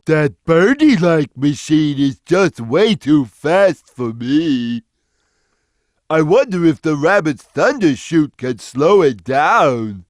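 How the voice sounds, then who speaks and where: An actor playing a big, gentle, simple-minded cartoon cat in a video game, speaking in a slow, earnest, friendly way. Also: male voice, a little high, no echo, clean studio sound. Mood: easygoing, advising. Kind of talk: video game character lines.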